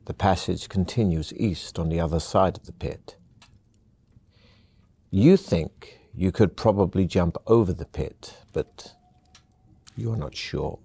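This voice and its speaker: A man giving steady, measured second-person scripted narration for an adventure game. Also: low-pitched, vocal fry, slightly rough, dry recording.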